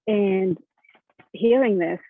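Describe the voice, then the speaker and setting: A therapist and founder from East Africa earnestly tells her story while answering questions as a panel guest. She speaks slowly in a mid-range voice with no echo, over tinny, phone-like video call audio.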